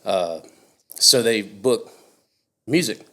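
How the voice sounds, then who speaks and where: A man's voice: lowish voice, lively intonation, drawn-out words, a bit bright. A young man from Canada, a musician guest, telling stories in loose casual chat with many fillers. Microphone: podcast studio mic.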